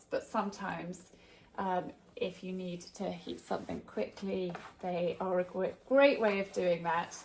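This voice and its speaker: In an echoey kitchen with a little hiss or hum on the track, a congested thirty-something vlogger, bunged up from hay fever, chats to camera while demonstrating a cleaning tip. She's homely and chatty, full of friendly asides, and her voice is medium-pitched and a little mellow.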